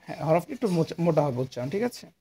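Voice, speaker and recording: A man's voice: a little high, sing-song, very fast, dark tone, husky. A man with a Bangladeshi Bengali accent teaching Quran letter pronunciation, patiently stretching out each sound and explaining where the tongue goes. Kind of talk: slow pronunciation lesson.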